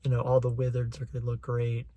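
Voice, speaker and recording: Excitable young man rambling as a fan. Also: mid-range voice, fast, dry recording, muffled recording. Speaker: channel host. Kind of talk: casual chat.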